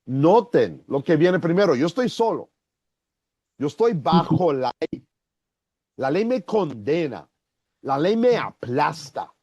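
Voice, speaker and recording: A male pastor leads an online Bible class, speaking slowly and deliberately. His voice is mellow and swoops up and down as he acts out small scenes. The sound is dry and close. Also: dry recording, dull audio. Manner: slow, deliberate teaching with lively pitch and acted-out examples.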